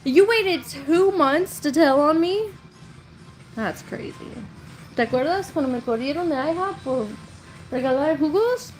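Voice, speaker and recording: A woman's voice: sits high, animated, a little slow, soft background music, rough recording. A woman in her thirties telling rambling, chatty stories about her past on a casual live stream, often breaking into laughs. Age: 30s. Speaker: storytelling creator.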